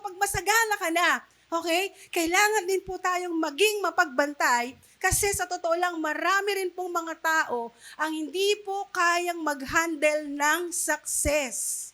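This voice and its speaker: A middle-aged woman pastor delivers a sermon in a very high voice. She speaks in an easy, chatty way and often pauses to ask her listeners if they are following along. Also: fairly bright tone. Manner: conversational preaching with frequent "no?" and "okay?" check-ins.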